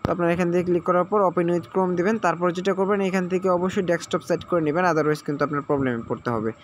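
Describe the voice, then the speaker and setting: A man's voice: high-pitched, rapid-fire, slight background noise. A man walks viewers through an app sign-up step by step, checking in often and mixing English words into his speech. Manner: repetitive step-by-step instructions, frequent check-ins. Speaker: tutorial host. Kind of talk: screen-recorded app tutorial.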